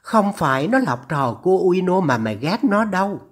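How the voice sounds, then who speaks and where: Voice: medium pitch, very animated, normal speed, breathy edge. A narrator voicing an anxious older mother on the phone, her trembling voice urgent and scolding as she pleads.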